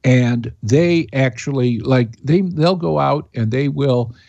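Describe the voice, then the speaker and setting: A man's voice: medium pitch, slow pace, vocal fry, a little mellow, no echo, lo-fi sound. A man hosting a talk radio show, rambling opinions and chatting with callers, full of fillers and restarts. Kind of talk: talk radio commentary and call-in chat.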